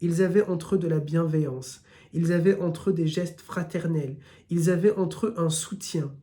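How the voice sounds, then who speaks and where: A man with a southern French accent, an Islamic teacher, speaks to his listeners in a live lesson, structuring his points as repeated lists. His voice is a little high and warm, steady in tone, at a normal speed.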